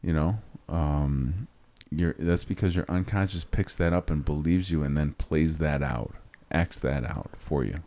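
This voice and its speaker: A man's voice: extremely low pitch, measured pace, few pauses, warm tone. A man co-hosting a discussion podcast, explaining ideas in a coaching way. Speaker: podcast co-host. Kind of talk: casual discussion.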